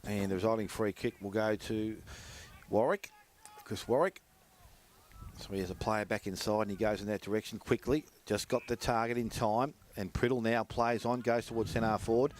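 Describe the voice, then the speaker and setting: An Australian man giving rapid running play-by-play commentary on a local football match. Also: fairly low pitch, steady tone, slight background noise.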